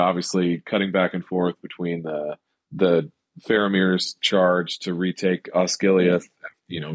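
Deep-voiced man, podcast co-host, rambling casual chat, lots of fillers, dry close sound. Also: husky, dry recording. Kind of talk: casual film discussion.

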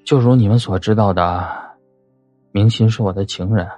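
A man voicing a cornered male doctor with a husky voice, bitter and desperate in an audio drama. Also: medium pitch, big pitch swings, measured pace, no room sound, faint music behind. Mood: calm. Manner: rising into desperate shouts.

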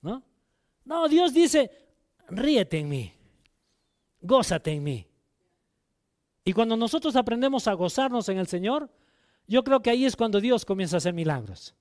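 A man preaching a sermon as pastor, telling a personal story and putting direct questions to the congregation, loud one moment and quiet the next. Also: sing-song, normal speed, long pauses. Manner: emotional storytelling, swings between loud exhortation and quiet low asides.

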